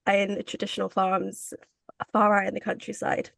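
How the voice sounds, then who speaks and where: Woman, gravelly fry, deadpan short answers, panel game. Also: medium pitch, normal speed. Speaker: panel player. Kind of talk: casual panel game chat.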